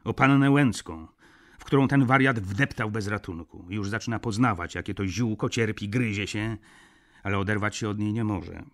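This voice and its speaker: A man's voice: fairly low pitch, moderate pace, lightly acted. An actor reading a sardonic, cynical middle-aged male doctor in an audiobook, blunt and lecturing.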